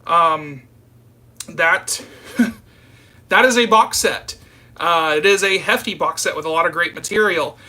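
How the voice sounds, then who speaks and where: Hosting a live stream, a man in his early 30s from the southern United States responds to viewer comments informally, rambling and addressing them as "you guys." He speaks slowly with long pauses, in a voice that's on the high side, pushed and bright.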